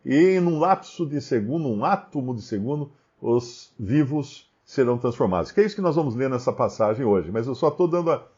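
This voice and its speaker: Male Bible commentator, lively swooping delivery, mellow tone, dull lo-fi recording. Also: mid-range voice. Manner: animated, many rhetorical questions.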